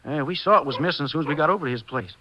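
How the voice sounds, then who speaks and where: A man's voice: fairly high pitch, very fast, sharp tone, slight background noise. A man playing an obliging, chatty, folksy farm neighbour in a 1950s radio drama. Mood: friendly. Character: obliging, busy farm neighbour giving an alibi. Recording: muffled 1950s radio recording.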